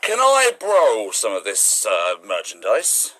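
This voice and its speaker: Bright-voiced man in improv banter. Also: on the low side, huge pitch swings, unhurried. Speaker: improv contestant.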